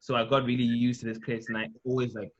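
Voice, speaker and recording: A young man from Zimbabwe, chatting casually on a panel, full of fillers and trailing off quietly. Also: mid-range voice, little pitch movement, fast talker, dull audio. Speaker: panel guest, medical student. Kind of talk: casual chat.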